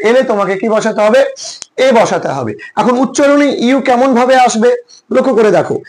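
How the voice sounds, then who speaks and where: Male English tutor, Bengali accent, very high voice, drills rules through repeated questions. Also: low-quality recording. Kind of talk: classroom lecture.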